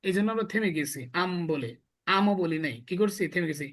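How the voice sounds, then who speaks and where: A man's voice: high-pitched, brisk, fairly bright tone. A man teaching a small class, explaining step by step and asking his students the same question again and again. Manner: quizzing students with repeated questions. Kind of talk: classroom lesson.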